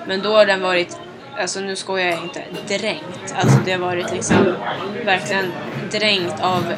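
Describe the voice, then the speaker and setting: A woman's voice: on the low side, flat delivery, loud music behind the voice, a loud crowd. A young woman co-hosting a podcast, chatting casually with emphatic reactions. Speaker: podcast co-host. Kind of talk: casual chat.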